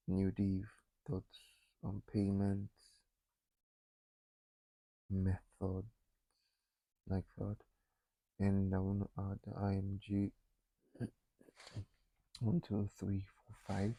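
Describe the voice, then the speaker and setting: A man talking himself through a coding tutorial, thinking aloud with frequent pauses and fillers. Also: low voice, vocal fry, warm tone, no room sound, low-quality recording. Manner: thinking aloud, many ums and restarts. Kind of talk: casual screen-recorded coding walkthrough.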